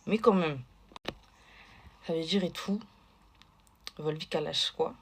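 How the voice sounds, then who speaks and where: Woman, lower voice, chatty storytime, rambling asides, fillers, faint background noise. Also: slow pace. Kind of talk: casual storytime to camera.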